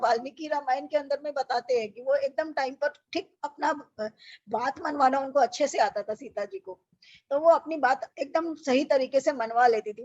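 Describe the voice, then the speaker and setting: High-voiced woman teaching a scripture class. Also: darkish tone. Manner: explains patiently, quizzes the class, recites verses slowly. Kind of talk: scripture study class with recited verses. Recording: dull lo-fi recording.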